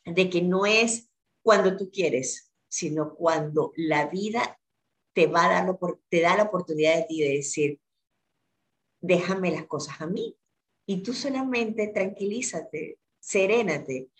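A woman's voice: on the low side, unhurried. A woman who is a guest in an interview, telling a personal story in an earnest way and often repeating words for emphasis.

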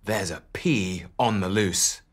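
A brave potato superhero declares his lines firmly and heroically, as a man reading a bedtime story plays him. The voice is deep and a little husky, unhurried. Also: exaggerated voice. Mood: heroic.

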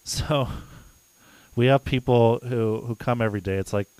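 A man's voice: mid-range voice, moderate pace, darkish tone, no echo, low-quality recording. A young man co-hosting a podcast, telling a story in a laid-back, rambling way and chuckling between lines. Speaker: podcast co-host. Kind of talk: casual chat, telling a story.

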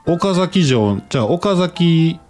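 Animated man with an Osaka-area Kansai accent. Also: a little high, slow pace, faint music behind. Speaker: co-host. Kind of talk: casual bantering chat.

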